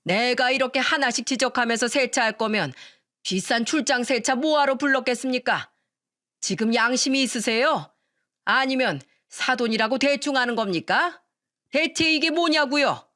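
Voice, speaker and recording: A furious, scornful older man, put on by a woman reading a radio story. He shouts in a raised, slow, drawn-out voice, full of spite. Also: high-pitched, voice pushed up. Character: angry spiteful older man, father-in-law.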